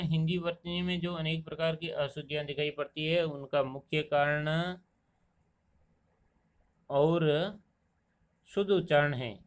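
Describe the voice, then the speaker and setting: A man teaching a Hindi grammar lesson, explaining pronunciation slowly and deliberately and drawing out each example word. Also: on the high side, clear, resonant tone. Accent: Rajasthani Hindi. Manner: slow, deliberate explanation, stretching out example words. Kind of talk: classroom lesson.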